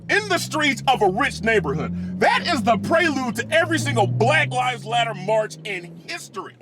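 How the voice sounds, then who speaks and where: High, lively man roasting with sarcasm. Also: noisy background. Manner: animated, sarcastic, exaggerated comparisons. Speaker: vlogger telling a roast story. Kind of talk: comedic storytelling roast.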